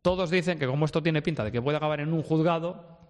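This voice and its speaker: A man's voice: fairly high pitch, fast, clear, resonant tone, big-room sound. A man hosting a sports news radio show, giving emphatic, outspoken opinions from the studio.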